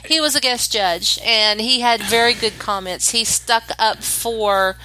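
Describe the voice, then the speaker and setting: A woman co-hosting a casual podcast, chatty and opinionated, throwing in quick jokes as she goes. Her voice sits a little high and has a bright, forward edge. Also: slight background noise, rough recording. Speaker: podcast co-host. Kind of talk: casual chat.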